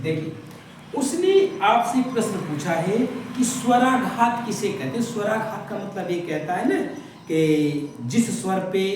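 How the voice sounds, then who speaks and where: A male teacher walking through an exam paper, asking his own questions and answering them, stretching key words slowly. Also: sits high, a little hiss or hum. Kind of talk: exam paper walkthrough lesson. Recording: very echoey room from far off.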